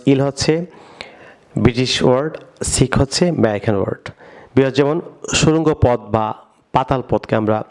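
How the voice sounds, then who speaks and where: Bangladeshi man, English teacher, runs repeat-after-me drills, mid pitch. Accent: Bangladeshi Bengali. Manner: addresses viewers often, slow deliberate repetition of words.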